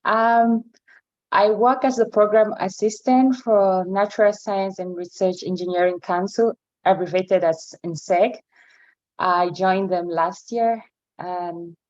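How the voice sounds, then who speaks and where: A woman's voice: fairly low pitch, a little mellow, no echo. Cheerful woman on dull call audio. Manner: cheerful, friendly. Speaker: panelist. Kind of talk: casual talk show introduction. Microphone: video call. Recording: dry, muffled call audio.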